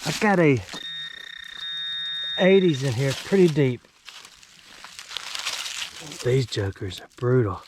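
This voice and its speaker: A man talks casually and folksily, with a dry joking streak, in a voice of ordinary pitch. He sounds like he is vlogging outdoors, with faint noise and clicks around him. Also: big pitch swings, slow pace, long pauses. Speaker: metal detecting vlogger. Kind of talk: casual outdoor vlog commentary. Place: outdoors in a rural yard.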